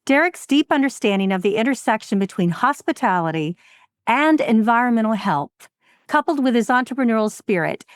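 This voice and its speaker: A woman hosting an interview podcast, enthusiastic and quick to laugh, reading a guest introduction and asking questions. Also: fairly high pitch, dry recording, clean studio sound. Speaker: podcast host.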